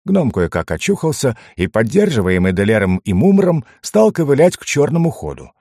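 Male audiobook narrator; expressive, animated, dry booth sound. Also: mid-range voice, normal speed, slightly rough, no room sound. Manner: expressive storytelling, voicing each character. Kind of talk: scripted narration.

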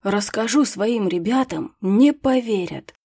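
Woman reading as a formal, measured mage. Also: mid-range voice, lively intonation, dark tone, husky, no room sound, clean studio sound, exaggerated voice. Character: composed male mage, curious and formal.

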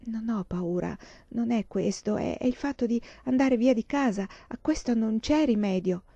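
A woman reading the lines of a gentle blind teenage girl about to leave home, softly and wistfully. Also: a little high, moderate pace, no room sound. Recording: dull lo-fi dry recording.

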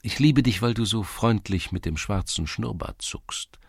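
A man voicing a shy, tender seventeen-year-old village girl in an audiobook, speaking softly and with longing. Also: lowish voice, expressive, a little slow, vocal fry, breathy edge, no room sound, clean studio sound, voice pushed up, full character voice. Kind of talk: audiobook character reading.

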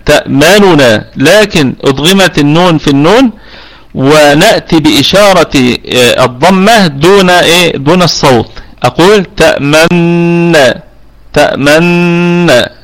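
Egyptian man teaching tajweed, a bit high. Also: a bit bright, low-quality recording. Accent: Egyptian Arabic. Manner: patient, explaining step by step, checks understanding; slows down to demonstrate pronunciation. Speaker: Quran recitation teacher. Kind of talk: live online tajweed lesson. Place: home room over online voice chat.

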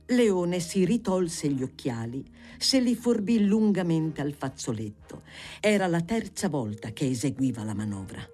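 Expressive audiobook reader of a novel. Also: mid-range voice, a little slow, soft background music. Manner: expressive, theatrical literary reading. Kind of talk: scripted reading of a novel.

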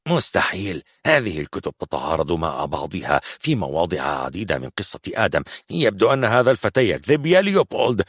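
A man voicing a coarse, swearing gang member with a gravelly, raspy voice. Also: sits low, very animated, quick pace, few pauses, a bit bright, no room sound, studio quality, full character voice. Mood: gruff. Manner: gruff, swearing. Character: coarse, cursing male gang brother. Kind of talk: audiobook narration.

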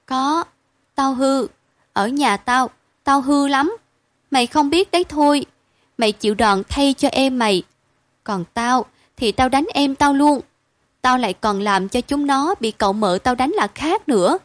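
A woman reading aloud and voicing a sheltered, soft-hearted boy who speaks earnestly. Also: sits high, unhurried, dry recording. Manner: earnest, questioning.

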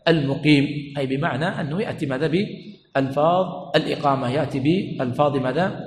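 A man's voice: on the high side, fast. A man teaching a religious lesson who keeps asking "what?" so listeners finish his phrases, and repeats each key point. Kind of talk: Islamic study lesson. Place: mosque learning center hall. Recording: echoey hall, faint room noise.

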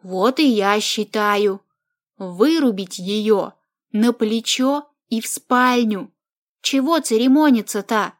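A crude young man with a mocking grin in his voice, as a woman reader puts him on. He jokes coarsely at a slow storybook pace. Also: a little high.

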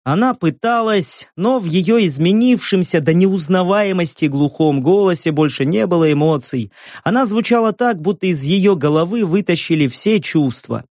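A woman reading an audiobook narration in a measured, expressive way. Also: fairly low pitch, no room sound, clean studio sound. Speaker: audiobook reader.

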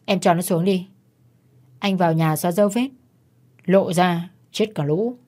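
A woman's voice: fairly low pitch, measured pace, warm tone. Woman voicing a pushy scheming man. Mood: urgent, cold. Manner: urgent, pushy. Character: cold scheming man, callous lover.

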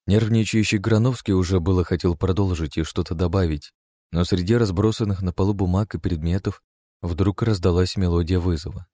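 A man narrating an audiobook with a steady, expressive reading, close to the mic. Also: low-pitched, fairly quick, no echo.

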